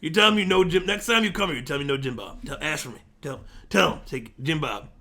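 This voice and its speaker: A man voicing a pushy, folksy male hardware store clerk with a deep voice and swearing sales patter. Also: fast talker, sharp tone. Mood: smooth-talking.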